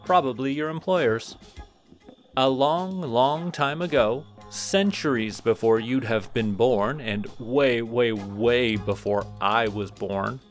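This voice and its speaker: In an audio roleplay, a man with a mid-range voice plays a centuries-old skeleton who is lonely and friendly. His speech rambles, earnest and a bit awkward.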